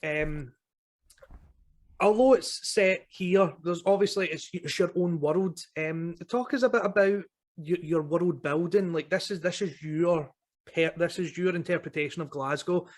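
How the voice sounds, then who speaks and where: A man's voice: on the high side, measured pace. A man interviewing a guest, asking long rambling questions full of fillers.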